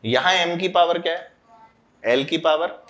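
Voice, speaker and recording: Man, high voice, physics teacher, quizzes the class, loud and urging. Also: unhurried. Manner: addresses students as beta, quizzes them, mixes English terms. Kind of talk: classroom lecture.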